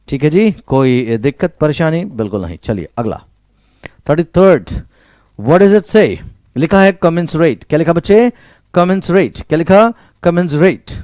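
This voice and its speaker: The teacher, a man with an Indian English accent, runs an online vocabulary lesson where he repeats each word, quizzes the listener, and switches between Hindi and English phrases. He has a fairly high, darkish voice, recorded clean in a studio without echo.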